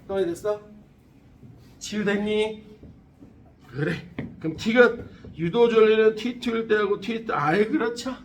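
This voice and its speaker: A man in his forties teaching a high school science class, blunt and teasing, swearing often. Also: takes it slowly, pauses often. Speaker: science tutor. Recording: classroom recorded from a distance, faint room noise.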